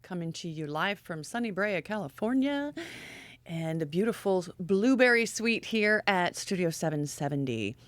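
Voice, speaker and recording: A woman's voice: lowish voice, lively intonation, normal speed, dry recording. Bubbly woman hosting a podcast. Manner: bubbly, laughs often. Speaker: podcast host. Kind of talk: casual podcast chat. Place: podcast studio room.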